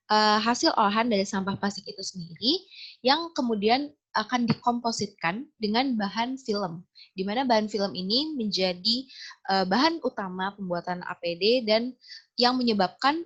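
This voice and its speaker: A young woman presents a student essay as a team member. She talks in a steady, methodical way and walks through her points one by one at a mid pitch. The audio is slightly dull and lo-fi. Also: moderate pace. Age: young adult.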